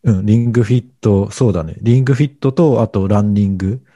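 A man's voice: fairly low pitch, fast talker, dark tone, no room sound. A middle-aged man co-hosting a casual podcast, talking in a hesitant, rambling way full of fillers. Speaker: podcast co-host.

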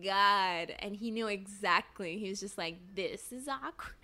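A podcast co-host tells an anecdote in a relaxed, chatty, conversational style, talking a little slowly. Her middle-pitched voice is bright and forward, and she leans heavily on "like" and "you know," slipping short laughs between phrases.

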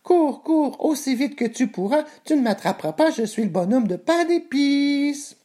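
A man's voice: lively intonation, moderate pace, warm tone. The Gingerbread Man. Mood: taunting. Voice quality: squeaky, taunting sing-song. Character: tiny cheeky gingerbread boy, boastful runaway.

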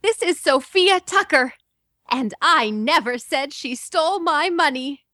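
A woman voicing a proud young woman reporter in a smiling, bright character read. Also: high-pitched, expressive, a little slow, dry recording, clean studio sound, pitched above the performer's own voice, full character voice.

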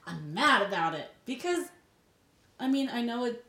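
A young woman co-hosting a casual podcast chat, playful and quick to laugh. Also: fairly high pitch, big pitch swings, pushed and bright, roomy sound. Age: young adult. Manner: giggly, playful. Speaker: podcast co-host.

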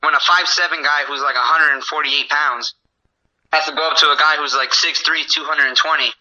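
Bright, laid-back man telling stories. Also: fairly high pitch, steady tone, a little fast, lo-fi sound. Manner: laid-back, self-mocking storyteller. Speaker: guest, fighter and bar bouncer. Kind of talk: casual phone-in chat.

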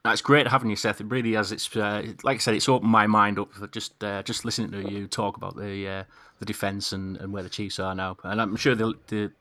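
A man's voice: on the low side, flat delivery, a little fast, hardly any pauses, bright, forceful tone. A man hosting a casual podcast, friendly and a bit hesitant. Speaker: podcast host.

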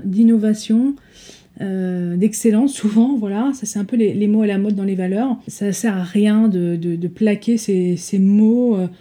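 Woman host explaining in a bright voice. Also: a little high. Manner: explains step by step with frequent fillers and self-corrections. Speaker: podcast host. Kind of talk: solo explanatory podcast.

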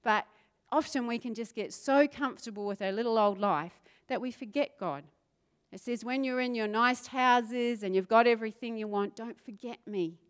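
A woman with a New Zealand accent preaches a sermon, chatting with the congregation, asking them questions and slipping in conversational asides as she builds to fervent, rising intensity. Her voice is on the high side at a normal speed, with a clean tone.

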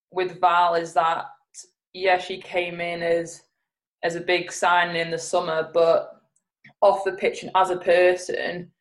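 A woman footballer, a podcast guest, answering in a steady, earnest way. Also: on the low side, rough recording. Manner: steady, earnest, with fillers and restarts. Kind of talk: casual podcast chat.

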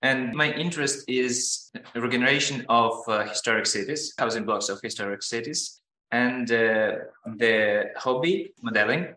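A Ukrainian-accented man in his thirties speaks haltingly, with fillers, over a video call. His voice is bright and tense, and it rings in an echoey room. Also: medium pitch. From Western Ukraine. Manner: halting, with fillers and little laughs. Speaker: associate professor, guest.

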